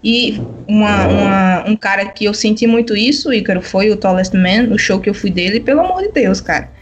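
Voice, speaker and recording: A woman's voice: medium pitch, animated, fairly quick, lo-fi sound, noisy background. A woman co-hosting a podcast, chatting casually and enthusiastically about music over a call. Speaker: podcast co-host. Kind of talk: casual chat.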